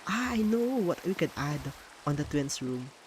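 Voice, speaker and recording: His pitch on the high side and swinging widely, a streamer from the Philippines chats casually as he builds in a game. Tagalog is his first language, so he thinks aloud in a Filipino accent and pauses to find English words. The recording is rough, with slight background noise.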